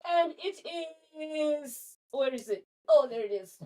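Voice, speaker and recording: Her voice sits high as she talks casually in an interview, a middle-aged author from Zimbabwe appearing as a guest. She comes across as animated, laughs readily, and repeats words while thinking aloud.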